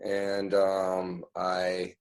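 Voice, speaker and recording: A man in his thirties from New York, answering interview questions in an unhurried way with lots of "you know" and pauses. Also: low voice, low-quality recording. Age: 30s. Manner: relaxed, unhurried, full of fillers like "you know". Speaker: guest, music producer. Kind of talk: casual interview.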